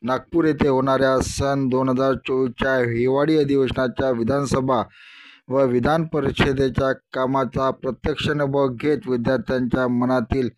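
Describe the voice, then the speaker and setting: A man reads a local news bulletin in a steady, formal voice. His pitch sits in the middle range, and he moves evenly through names and dates. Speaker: news anchor. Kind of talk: scripted news narration.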